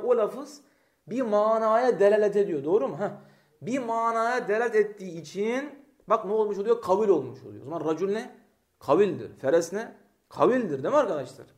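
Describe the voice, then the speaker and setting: High-voiced man teaching grammar. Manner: asks students rhetorical questions; reads Arabic text aloud, then explains. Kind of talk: classroom lesson. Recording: echoey room.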